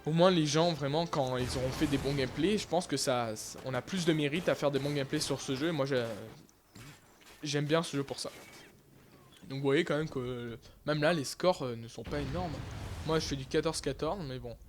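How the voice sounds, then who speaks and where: A man's voice: on the high side, moderate pace. A young man giving casual, rambling live commentary over his own gameplay, with lots of fillers and restarts. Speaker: gaming YouTuber.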